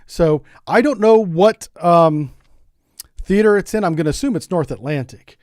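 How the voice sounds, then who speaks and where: Joking middle-aged American man, bright voice. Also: sits high, moderate pace, no room sound, clean studio sound. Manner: joking, rambling, repeats words. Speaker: game streamer. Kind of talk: casual gameplay commentary.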